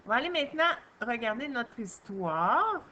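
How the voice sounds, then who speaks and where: A woman's voice: a little high, big pitch swings, normal speed, pushed and bright, lo-fi sound, a little hiss or hum. A woman with a Québécois French accent teaching young children to read, patiently sounding out syllables one by one. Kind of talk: early reading lesson for young children.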